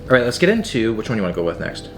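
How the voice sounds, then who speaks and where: A man's voice: lowish voice, big pitch swings, racing, music in the background. A young man hosting a casual question-and-answer chat, speaking informally with lots of filler words and emphatic phrasing. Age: young adult. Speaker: video host answering viewer questions. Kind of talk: casual Q&A chat while tasting food.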